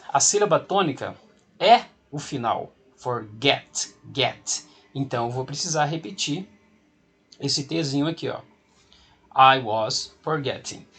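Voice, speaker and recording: Husky-voiced Brazilian teacher explaining grammar. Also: male voice, medium pitch, a bit bright. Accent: Brazilian Portuguese. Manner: patient, step-by-step explaining, repeating rules. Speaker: English teacher. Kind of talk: video lesson explaining grammar.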